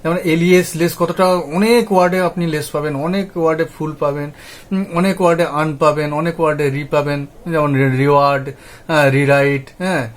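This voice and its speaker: Speaking quickly with a slightly high voice and fairly even intonation, a man gives a spoken lesson on English pronunciation. He spells words letter by letter, repeats them, and frequently checks that the viewer is keeping up.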